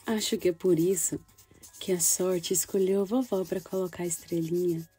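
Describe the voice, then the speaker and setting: A woman voicing an excited, sentimental little girl who confides in her diary, in a children's story. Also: lowish voice, normal speed, slightly rough, soft background music. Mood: wistful, confiding. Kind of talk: first-person children's story reading.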